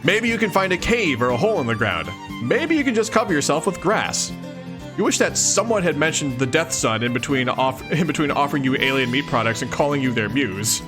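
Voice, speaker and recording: A man's voice: on the high side, sing-song, brisk. A man reading a visual novel aloud for a let's play at home, breaking off to joke with chat. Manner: playful, reads narration then jokes to chat and cat. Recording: faint game music underneath.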